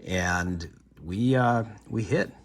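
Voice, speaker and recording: A man's voice: low-pitched, slow. A man hosting a card collecting channel, wrapping up a box opening in casual, upbeat talk with many fillers. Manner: upbeat, rambling with frequent "uh" fillers. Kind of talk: casual wrap-up talk to viewers.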